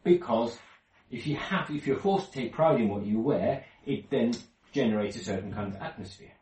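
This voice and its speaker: A man's voice: mid-range voice, expressive, moderate pace, darkish tone. A man from Finland leading an informal Bible study, explaining with many restarts and fillers. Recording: roomy, distant from mic.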